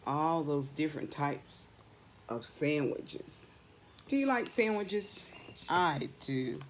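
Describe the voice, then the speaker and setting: A middle-aged woman with a deep, somewhat mellow voice leads a children's storytime, with a faint hiss or hum in the recording. Acting as teacher and storybook reader, she expressively asks and answers questions and repeats and stretches words for emphasis.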